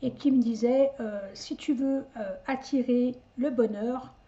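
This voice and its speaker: Une femme d'âge mûr, médium, qui bavarde et digresse avec autodérision en tirant les cartes chez elle. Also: female voice, fairly high pitch, fairly even intonation, unhurried, warm tone. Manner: chatty, rambling, self-mocking asides. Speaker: psychic medium doing a card reading. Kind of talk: casual chatty live reading. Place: at home, indoors. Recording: dull lo-fi home recording.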